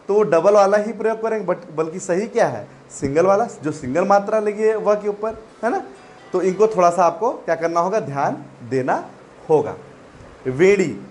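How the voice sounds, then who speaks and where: Male teacher, fairly high-pitched, slow repeated words, faint background noise. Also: a little mellow. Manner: repeats each word slowly, addresses students as children. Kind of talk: classroom-style spelling lesson.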